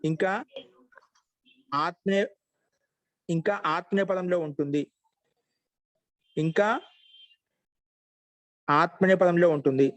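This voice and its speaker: Slow-dictating man teaching grammar, dry sound. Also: high-pitched, dry recording, rough recording. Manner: repeats each rule slowly for note-taking. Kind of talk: dictation-paced online lesson.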